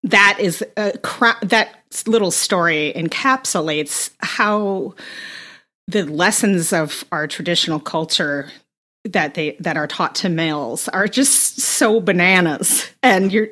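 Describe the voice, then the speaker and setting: A woman in her forties co-hosting a podcast, talking in a relaxed, chatty way. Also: fairly low pitch, takes it slowly. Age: 40s. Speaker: podcast co-host. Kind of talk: casual chat.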